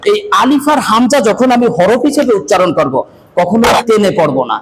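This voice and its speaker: Male Quran reading teacher, very high voice, quizzes and drills the class; echoey, noisy room. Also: very animated, fairly quick, a crowd in the background. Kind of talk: classroom lesson. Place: classroom with a board. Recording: echoey room, loud background noise.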